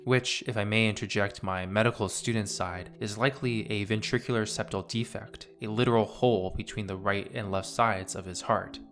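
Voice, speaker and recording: A man in his twenties narrating a scripted video essay in a measured, analytical way. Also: on the low side, fairly bright tone.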